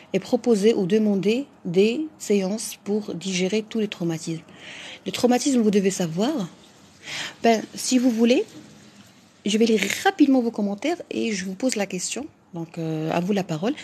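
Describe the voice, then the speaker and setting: A woman's voice: medium pitch, dark tone. Woman, doctor, live stream host, frank, chatty, hesitant restarts, faint background noise. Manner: frank, digressive, many fillers and restarts. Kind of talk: live stream chat answering comments.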